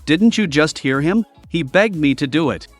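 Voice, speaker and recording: A man's voice: on the high side, animated, normal speed, dry recording, faint music behind. A man doing a sarcastic young cultivator. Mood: mocking calm. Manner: dry, sarcastic and unbothered. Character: cold, mocking young male cultivator.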